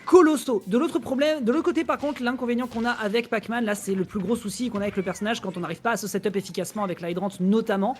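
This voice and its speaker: Fast-talking esports caster. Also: mid-range voice, steady tone, a little hiss or hum. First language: Italian. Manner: rapid, analytical, quick self-corrections. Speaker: co-commentator. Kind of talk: esports play-by-play commentary.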